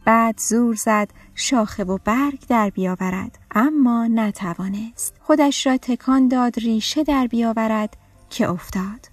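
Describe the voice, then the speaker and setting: A woman narrating a children's story in a gentle, clear storytelling way. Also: on the high side, no room sound. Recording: dry studio with soft music.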